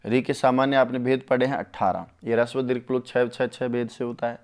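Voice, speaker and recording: A man teaching a live Sanskrit exam-prep class, keen and friendly, calling viewers his friends and slowing right down to spell out grammar rules. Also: medium pitch, steady tone, a little mellow, clean tone. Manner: enthusiastic, addresses viewers as friends, slows to spell out sutras.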